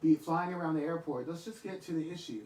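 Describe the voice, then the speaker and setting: Blunt man, slightly high voice, echoey room. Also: fast talker, a little mellow. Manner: agreeable, blunt, interjecting. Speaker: podcast co-host. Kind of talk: casual discussion. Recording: echoey room, far from mic, faint noise.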